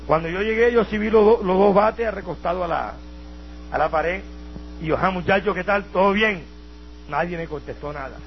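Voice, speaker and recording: Man, Colombian accent, testimony sermon, high gravelly voice, dull lo-fi recording with faint hum. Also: normal speed. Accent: Colombian Spanish. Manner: dramatic storytelling, acting out voices and shouting prayers. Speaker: evangelical preacher.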